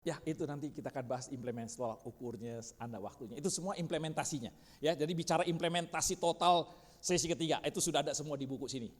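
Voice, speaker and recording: A man's voice: fairly high pitch, quick pace. A man teaching a church discipleship class, constantly quizzing his listeners. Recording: reverberant hall.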